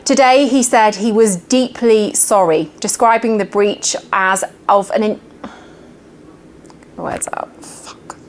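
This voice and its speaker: A woman correspondent reads a scripted report. Her pitch is average, and there is slight background noise. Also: a little slow, hardly any pauses. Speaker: news correspondent.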